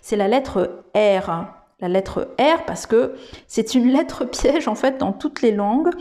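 A woman teaching pronunciation on her podcast, taking her time with each phrase. Her voice is soft and mellow, and she pauses to rephrase, dropping fillers and restarting sentences as she thinks. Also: a little high, lively intonation. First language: French. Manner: thoughtful, with frequent fillers and restarts. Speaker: English teacher and podcast host. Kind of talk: podcast lesson.

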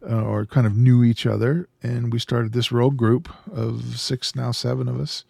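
A man co-hosting a podcast, telling a story in a relaxed, easygoing way with a few fillers. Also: mid-range voice, moderate pace, gravelly, husky, dry recording. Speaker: podcast co-host. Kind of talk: casual chat.

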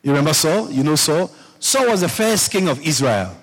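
A man's voice: a little high, very animated, normal speed. A man, preaching a sermon to his congregation and often checking in with them through questions. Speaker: pastor. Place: church hall. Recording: long hall reverb.

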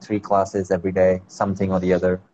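A man chatting casually and a little haltingly as a guest on a remote call. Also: low voice, completely flat delivery, mellow. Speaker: interview guest, dance teacher. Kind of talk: casual chat. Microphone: remote internet live-stream call. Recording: muffled lo-fi call with noise.

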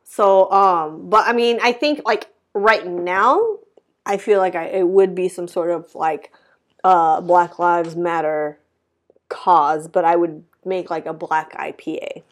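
A woman's voice: on the low side, slow. A woman co-hosting a podcast in casual chat, rambling with many fillers and laughing easily. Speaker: podcast co-host.

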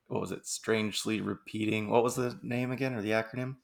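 Male podcast co-host, low gravelly voice, relaxed chatty musing. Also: moderate pace. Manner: laughs often, musing and talkative. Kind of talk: casual chat.

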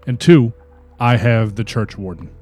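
A man's voice: mid-range voice, a little slow, darkish tone. A man co-hosting a podcast, joking crudely and dryly, then narrating as dungeon master. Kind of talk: casual podcast banter and game narration.

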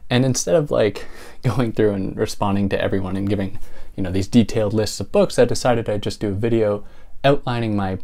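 On his video channel, a young host talks about books in a relaxed, reflective vlog, using lots of fillers. He has a soothing, mellow voice on the low side and talks fairly quickly.

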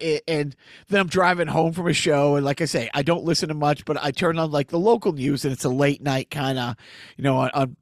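A man's voice: a little high, no room sound, clean studio sound. A man co-hosting a casual podcast, rambling with lots of restarts and asides. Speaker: podcast co-host. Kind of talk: casual chat.

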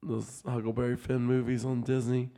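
A woman's voice: extremely low pitch, flat delivery, normal speed, dark tone. A woman co-hosting a casual chat while sick and out of breath, dropping in dry, teasing remarks. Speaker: podcast co-host.

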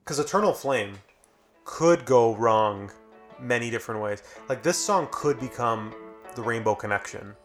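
A man's voice: mid-range voice, animated, unhurried. A man co-hosting a casual music podcast, explaining songs in a thoughtful, easygoing way. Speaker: podcast co-host.

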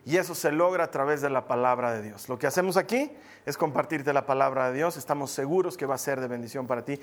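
A man preaching as pastor of a church, lively and joking with his congregation. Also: mid-range voice, fast. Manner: lively, jokey preaching with acted asides. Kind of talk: sermon.

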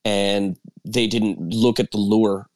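A man's voice: lowish voice, level tone, slow pace, a little mellow, no echo, studio quality. A man giving emphatic opinions in a casual group chat.

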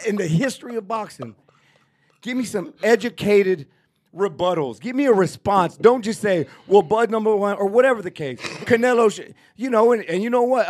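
A man with a Texas accent, co-hosting a casual boxing talk show and arguing emphatically. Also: high voice. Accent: Texan. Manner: emphatic, repetitive, ranting. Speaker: podcast co-host. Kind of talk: casual sports debate.

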